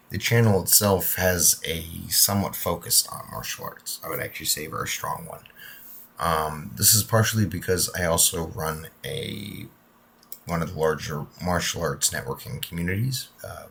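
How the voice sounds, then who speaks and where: Man in his thirties, very low voice, husky, getting over a cold, rambling with ums. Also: a bit bright. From United States. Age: 30s. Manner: rambling, frequent ums and uhs. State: recovering from a cold, voice not clear. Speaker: martial arts channel host. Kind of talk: casual talk to camera.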